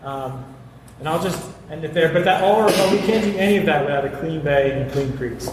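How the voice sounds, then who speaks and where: A man gives an earnest debate answer as a candidate, pushing ahead with quick restarts. His voice is slightly high for a man. The hall adds a long, roomy echo, with faint noise underneath. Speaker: city council candidate. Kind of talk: debate speech.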